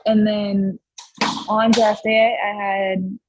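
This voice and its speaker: A young woman from Hawaii, a pro soccer player, answering interview questions in an easygoing, halting way. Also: mid-range voice, level tone, highs cut off, background noise. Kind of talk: media day interview.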